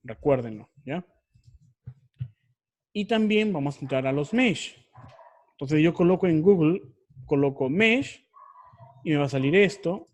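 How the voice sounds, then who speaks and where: A man's voice: on the high side, lively intonation, unhurried, long pauses, darkish tone. A man teaching an online research class, explaining step by step and often repeating or correcting himself.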